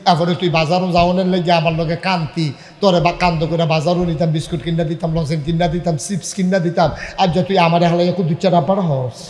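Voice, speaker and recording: Male preacher, high voice, loud and emphatic with call-and-response to the audience; echoey room with long reverb. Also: fairly even intonation, fast, hardly any pauses. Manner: calls and answers with the audience. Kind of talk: sermon.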